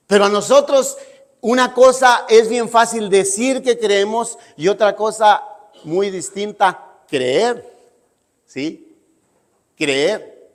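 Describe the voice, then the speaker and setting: A man preaching a sermon in an emphatic style, often checking in with the congregation. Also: sits high. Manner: emphatic, asks listeners "¿sí?" often. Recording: long hall reverb.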